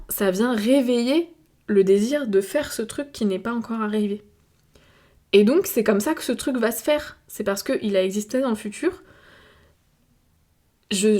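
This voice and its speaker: A French woman video creator with a French accent and a mid-range, slightly mellow voice speaks casually to her viewers. It's a reflective monologue to camera where she thinks aloud, with many fillers and restarts.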